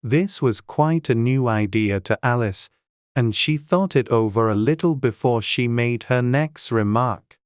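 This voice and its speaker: A woman's voice: extremely low pitch, expressive, a little slow, a little mellow, no echo, studio quality. A woman reading scripted storybook narration as an audiobook narrator.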